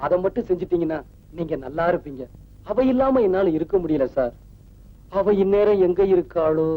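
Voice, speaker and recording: A man's voice: sits high, expressive, normal speed. An actor playing a frantic, weepy husband begging for help to find his wife, in a 1980s film comedy, on a muffled old film soundtrack. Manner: wailing and pleading.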